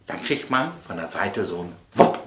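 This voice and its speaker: Hosting an online show, a man performs a comedic monologue for viewers in a deep, expressive voice at normal speed, theatrically repeating phrases to drive them home. The background is noisy, and the room sounds echoey.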